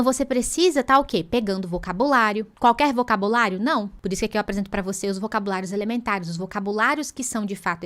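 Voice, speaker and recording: Woman, English teacher, online lesson, animated, imitates students. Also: fairly high pitch. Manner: energetic, playful, acts out students' voices.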